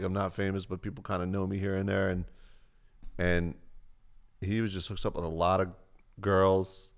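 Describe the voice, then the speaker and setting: A man casually chatting on his livestream, reading chat questions aloud and telling stories, swearing freely. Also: fairly low pitch. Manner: laid-back, swears a lot, reads chat questions aloud.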